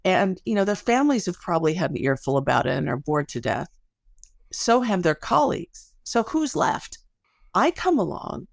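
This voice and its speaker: As an interview guest, a woman explains her research like a storyteller, tossing in casual asides and colorful turns of phrase. Her lowish voice is noticeably creaky and sing-song, moving at normal speed, and the audio is dry with no room sound.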